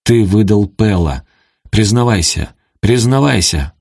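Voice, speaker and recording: Man doing a raging young soldier yelling, husky low voice, dry sound. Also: animated, measured pace, dry recording, exaggerated voice. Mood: furious. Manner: shouting, enraged, threatening. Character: furious vengeful young male soldier. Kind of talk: audiobook character voice.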